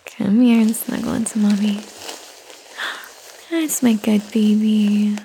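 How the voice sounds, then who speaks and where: Slow, soft-spoken woman, gravelly whispers. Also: mid-range voice, flat delivery, slight background noise, poor audio. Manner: soft, soothing, often whispered. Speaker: ASMR roleplay performer. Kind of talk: ASMR caretaker roleplay.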